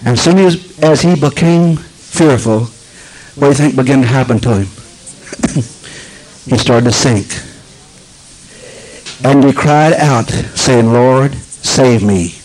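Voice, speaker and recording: A man preaching a sermon, swinging between low storytelling and shouted proclamation and asking the congregation whether they understand. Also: takes it slowly, long pauses, poor audio. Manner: asks the congregation for agreement.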